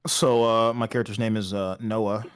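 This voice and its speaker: A man with a lowish voice chats loosely at a tabletop game. He swears freely and jokes as he talks. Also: fairly even intonation, moderate pace, clean tone. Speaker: player. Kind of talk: casual tabletop game chat.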